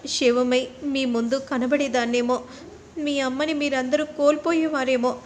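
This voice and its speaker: A woman's voice: sits high, fairly even intonation, normal speed, slight background noise, close to an everyday voice. A woman voicing a worried, distressed mother who speaks anxiously, in a serial recap.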